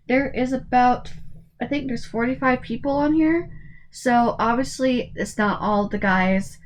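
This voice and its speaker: A woman in her twenties, a YouTuber, gives casual tier-list commentary in a slightly high voice. She sounds hesitant, full of fillers and restarts, and her voice drifts in and out. There's a little hiss or hum in the recording.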